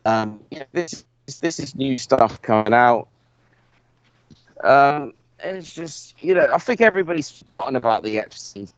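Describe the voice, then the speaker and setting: A man's voice: mid-range voice, lively intonation, moderate pace, no room sound. A man co-hosting a podcast over a remote call, in loose, sweary casual chat while his audio keeps cutting out. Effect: remote call audio cutting out, choppy and dropping. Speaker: podcast co-host. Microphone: remote call line. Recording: dull lo-fi call audio, dry.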